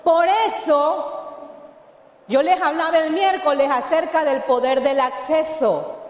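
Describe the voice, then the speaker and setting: A woman's voice: sits high, takes it slowly, a little mellow. A woman pastor with a Mexican Spanish accent, preaching a sermon and often asking the congregation questions. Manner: emphatic preaching with call-and-response questions. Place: church hall. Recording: echoey church hall, long reverb.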